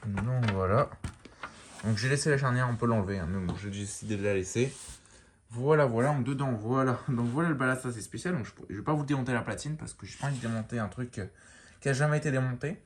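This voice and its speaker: A man giving a casual show-and-tell of a lamp, talking in a relaxed, rambling way full of fillers and restarts. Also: medium pitch, fast talker, a little hiss or hum. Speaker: lamp collector showing a fixture.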